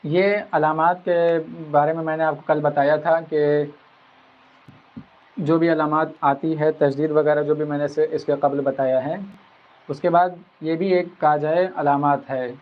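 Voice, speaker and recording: Man teaching in a slightly high, dull recording. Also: flat delivery. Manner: patient, repetitive, spells sounds out slowly. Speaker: Quran teacher. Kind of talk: explanatory lesson.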